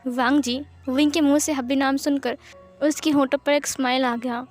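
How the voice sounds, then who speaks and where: A woman's voice: high-pitched, steady tone, normal speed, faint music behind. A woman narrating a fan-fiction story in a simple, chatty way, with asides to her listeners.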